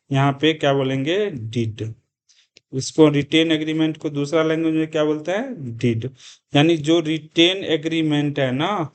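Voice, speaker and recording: A male commerce teacher lecturing a class, asking questions and answering them himself, repeating key terms and mixing English words into his speech. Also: on the high side.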